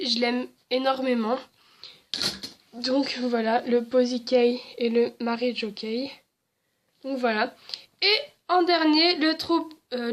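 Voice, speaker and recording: Young woman, beauty vlogger, high voice, chatty, fillers and restarts. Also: slight background noise. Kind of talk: casual haul and swatch video.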